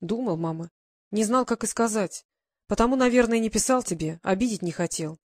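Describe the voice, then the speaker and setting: Woman voicing a calm young guardsman son. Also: mid-range voice, fairly quick, lightly acted. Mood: reassuring. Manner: steady, reassuring.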